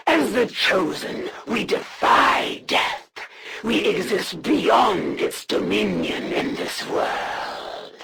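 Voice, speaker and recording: An actor playing a proud, menacing alien assassin, a zealous game villain who speaks with haughty, formal deliberation in a gravelly voice. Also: medium pitch, full character voice. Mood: zealous, defiant. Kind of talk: theatrical video game villain voice lines.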